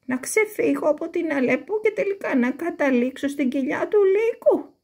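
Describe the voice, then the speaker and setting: A woman voicing a frightened little hen who clucks and squeaks as she frets. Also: expressive, a little mellow. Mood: lamenting. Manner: clucking, high and fluttery.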